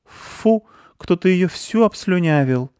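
A man's voice: high-pitched, animated, takes it slowly, darkish tone, clean tone, no room sound, studio quality, voice pushed up. Man doing a haughty pampered lady cat. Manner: condescending, prim and squeamish. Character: haughty pampered female Abyssinian house cat.

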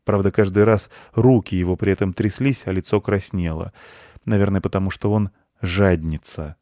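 A man calmly narrating a scripted children's story. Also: deep voice, normal speed, no echo, clean studio sound. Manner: calm, even storytelling.

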